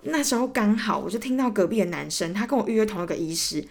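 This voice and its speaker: A young woman with a Taiwanese Mandarin accent hosts a solo podcast of casual ranting stories, her medium-pitched voice gravelly and fast. She tells them animatedly, acting out both sides of arguments and growing heated and exasperated as she retells.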